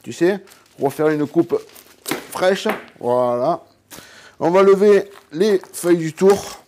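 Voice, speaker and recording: A man with a southern French accent and a slightly high voice talks through his cooking in a loose, rambling way. He speaks straight to the viewer, jokes at his own expense and fills every pause with "voilà". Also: expressive, darkish tone, a little hiss or hum. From Cévennes, southern France. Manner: chatty and rambling, says "voilà" constantly. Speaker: home cook and hunter. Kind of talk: casual cooking vlog.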